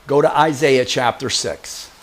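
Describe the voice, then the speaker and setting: A man preaching an expository sermon, reading scripture aloud and repeatedly quizzing his listeners on key words. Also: medium pitch. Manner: reads scripture aloud with slow stress. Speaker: Bible teacher.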